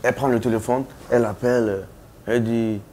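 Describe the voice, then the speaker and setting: A man telling a comic story with many fillers, animated, putting on high voices for the people he quotes. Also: heavy background noise. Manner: slow, hesitant delivery with many fillers.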